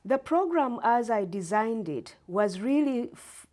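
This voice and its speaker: A middle-aged woman from Uganda, a guest professor answering interview questions in a measured, explanatory way. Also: fairly high pitch, lively intonation, a little mellow. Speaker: guest storyteller and English professor.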